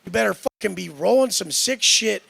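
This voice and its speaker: A man's voice: high-pitched, expressive, normal speed, vocal fry, a bit bright, breathy edge, no echo. A man ranting in a brash, boastful way, profane and dismissive of others. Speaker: fitness influencer in a clip.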